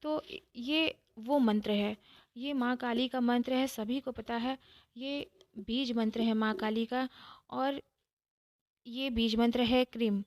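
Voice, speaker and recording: A woman giving a calm devotional talk, explaining step by step and repeating phrases for emphasis. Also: fairly high pitch, slow pace, dry recording. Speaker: spiritual teacher.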